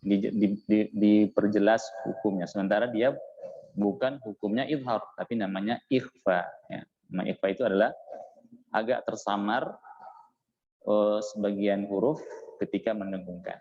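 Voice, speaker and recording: A man teaching Quran recitation. He explains each rule patiently, chants example words slowly, and keeps checking in with a short "ya". He is from Indonesia and speaks in a mosque hall. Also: fairly low pitch, steady tone. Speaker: Islamic teacher. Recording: echoey hall, dull lo-fi sound.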